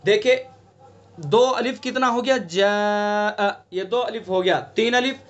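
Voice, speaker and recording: Slow and high-pitched, this man's voice comes through a lo-fi online class call as he teaches Quran recitation in a Delhi Urdu accent. He explains patiently, quizzes his pupils, and elongates sounds to show them.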